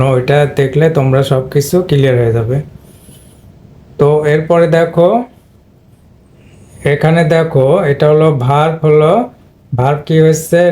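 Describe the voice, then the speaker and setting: A man's voice: fairly high pitch, dark tone. A man teaching English pronunciation, explaining patiently and repeating words for his students. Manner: patient, repetitive, addresses students informally. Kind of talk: explaining lesson at a board.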